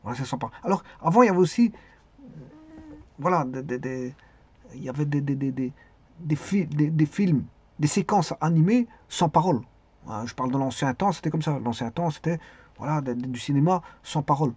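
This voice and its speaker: Hesitant man teaching, husky dull sound. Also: fairly high pitch, expressive, a little fast, darkish tone. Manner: hesitant, many fillers and restarts, repeats key words. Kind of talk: spoken lesson on speaking skills.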